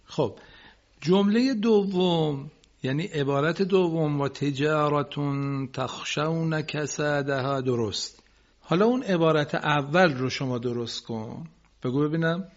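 A man teaching Quran recitation on a radio class, patiently correcting students and slowly modelling each phrase for them. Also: on the high side. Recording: dull lo-fi broadcast recording.

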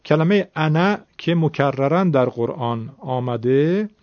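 A man's voice: on the high side, no echo. A man teaching a recitation lesson, explaining the rules patiently and repeating words so learners can follow. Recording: dull lo-fi sound.

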